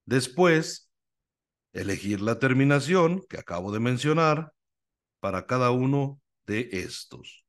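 A man teaching English numbers to students, slowly repeating each word three times and explaining in Spanish with a Mexican accent. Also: mid-range voice, lively intonation. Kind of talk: slow, repetitive English lesson drill.

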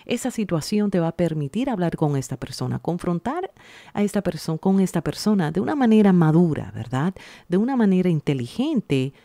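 A woman reads tarot cards at a table, speaking straight to the viewer in an unhurried, reassuring manner. Her voice is mellow and fairly low, recorded dry and close with no room sound. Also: sing-song, no room sound. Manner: slow, soothing, reassuring, speaks directly to the viewer. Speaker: tarot reader. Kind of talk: tarot reading to camera. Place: indoors at a table, hands seen laying out cards.

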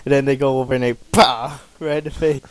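A man's voice: medium pitch, level tone, very fast, warm tone, clear, resonant tone, no echo. A young man co-hosting a gameplay video, joking and telling stories. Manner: joking, storytelling. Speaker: co-host. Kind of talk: casual gameplay chat.

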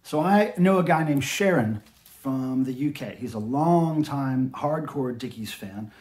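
Expressive and a little slow, this middle-aged American's medium, darkish voice fits his folksy, casual unboxing-style chat. A vlogger who collects records and runs a fan site, he's recording in a small room at home.

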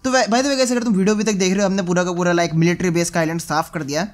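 A man's voice: high-pitched, fairly even intonation, quick pace, soft background music. A young man hosting a gaming channel, giving chatty, joking, self-mocking gameplay commentary.

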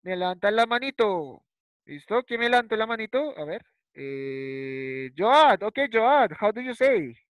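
A man's voice: high voice, big pitch swings, unhurried, dry recording, poor audio. Patient man teaching children online. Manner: patient, repeats words, ends lines with ¿cierto? and ¿listo?. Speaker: primary school English teacher. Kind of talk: online class in Spanish and English. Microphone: video call.

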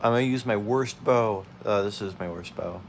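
A man's voice: fairly low pitch, moderate pace, gravelly, slight background noise. A young man casually commenting on a video game as host, laughing and yelping at his own mishaps. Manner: excitable, yelps and laughs at mishaps. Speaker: let's play host.

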